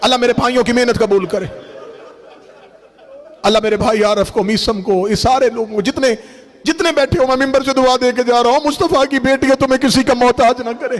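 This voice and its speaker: A man preaching a lament from the pulpit in Urdu with a Pakistani accent, wailing and chanting, his voice rising to strained shouts. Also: very high voice, some chatter behind. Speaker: Shia preacher reciting a lament. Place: gathering hall from the pulpit.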